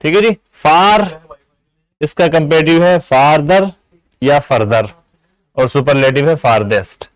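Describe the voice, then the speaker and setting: A man giving an English grammar lesson, explaining patiently in Urdu-flavoured Hindi and repeating example words slowly. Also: a little high, dry recording, poor audio. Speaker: English teacher.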